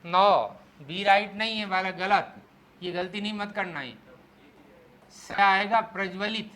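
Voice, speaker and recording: A man teaching Hindi spelling in an exam-prep lecture, explaining step by step and slowing down to spell out syllables. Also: high-pitched, pushed and bright. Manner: explains step by step, asks the class "clear?".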